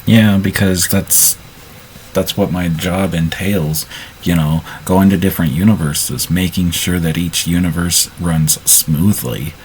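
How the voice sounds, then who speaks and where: A man casually narrating his moves in a role-play, often halting and restarting his sentences. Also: low voice, fairly even intonation, darkish tone, slight background noise, low-quality recording.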